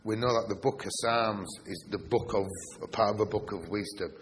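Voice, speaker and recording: This sermon comes from a man from Yorkshire, England whose fairly low voice carries long reverb around the church. Faint hiss underlies his emphatic, stretched-out stresses and the rhetorical questions he directs at the congregation.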